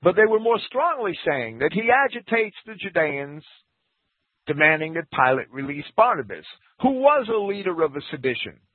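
A husky-voiced Bible teacher delivers a scripture commentary talk over tinny, phone-like radio, lecturing and reading quotes aloud with lively pitch. He speaks at a moderate pace, and there's no room sound.

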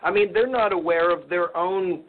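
A man with a husky voice, talking as a call-in show co-host. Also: sits high, moderate pace. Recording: narrow phone-like line.

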